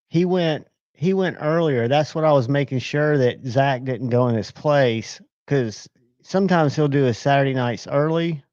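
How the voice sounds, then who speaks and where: Male streamer host, mid pitch, rambling casual chat, dull dry audio. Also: darkish tone, no room sound. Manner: rambling, talks to himself while checking screens. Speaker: livestream host.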